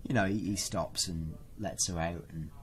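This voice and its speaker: A man's voice: deep voice, fairly even intonation, normal speed. A man co-hosting a casual podcast, describing things enthusiastically with lots of fillers. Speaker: co-host.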